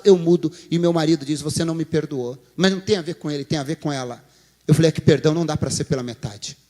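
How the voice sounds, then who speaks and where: A man's voice: sits high, big-room sound. A man, a pastor, preaching a sermon, telling a counseling story and acting out its dialogue before rising to emphatic appeals.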